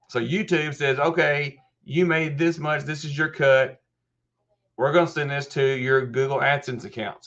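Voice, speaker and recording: Casually walking through answers step by step with frequent restarts, a man in his fifties hosts a live help desk Q&A stream. His voice is medium-pitched and fairly bright, and the recording sounds muffled.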